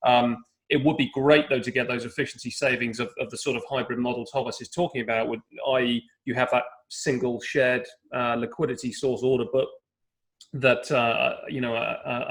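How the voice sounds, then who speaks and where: A man from London speaking on a panel discussion over a video call, measured, with frequent restarts and hedges. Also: mid-range voice, flat delivery, a bit bright, rough recording. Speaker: panelist, startup founder.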